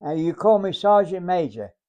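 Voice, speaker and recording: A man's voice: sits high, lively intonation, normal speed, mellow. A hundred-year-old man voicing a big, brusque sergeant major in a spoken war memoir, curt and commanding. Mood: brusque, stern.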